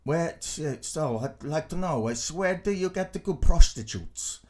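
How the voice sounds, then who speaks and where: A man from Glasgow putting on a Dutch accent to play an eager, crude Dutch businessman in a story, talking slowly and emphatically. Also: a little high, lively intonation, pitched above the performer's own voice. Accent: Dutch (put on). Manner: slow, emphatic, raised voice.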